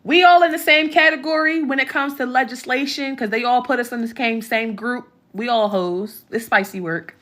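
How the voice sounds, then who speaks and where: A woman's voice: on the high side, normal speed, few pauses, a bit bright. A woman from West Baltimore with a Baltimore accent, hosting a casual question-and-answer vlog in a blunt, profane, streetwise way. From Baltimore, West Side. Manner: chatty, loops back with "okay?" and "you know what I'm saying". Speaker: host answering viewer questions.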